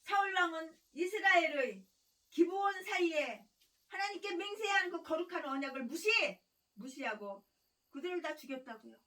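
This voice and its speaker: A woman's voice: very high voice, expressive, moderate pace, fairly bright tone, distant mic. A woman pastor preaching a sermon in a fiery, scolding way, hammering on repeated phrases and breaking into harsh, angry rants. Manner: harsh angry ranting with insults.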